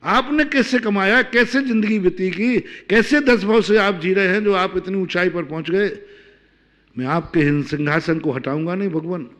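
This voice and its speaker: Indian male monk giving a sermon, somewhat high-pitched, emphatic, asks the crowd questions. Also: normal speed. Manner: emphatic, rhetorical questions, swinging between loud and hushed. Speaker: Jain monk preacher.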